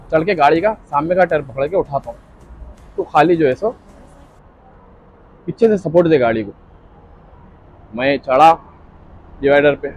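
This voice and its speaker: A young man, a vlogger telling a rambling story in casual chat and acting out the lines of the people in it. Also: high-pitched. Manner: rambling, reenacts dialogue. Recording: dull lo-fi audio with faint music.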